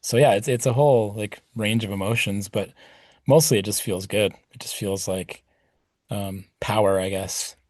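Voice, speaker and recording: A middle-aged punk musician appears as a podcast guest, reflective and rambling, with plenty of fillers in the casual interview talk. His fairly low, slightly mellow voice moves at a normal speed, recorded with studio quality and no room sound.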